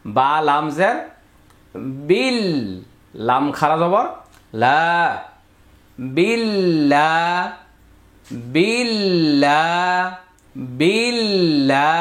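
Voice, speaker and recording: A man teaching Quran reading step by step. He spells out letters and vowel marks, then recites the words in long drawn-out chanting, and speaks directly to viewers following along. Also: on the high side, fairly bright tone, echoey room. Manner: addresses viewers directly, asks them to repeat along.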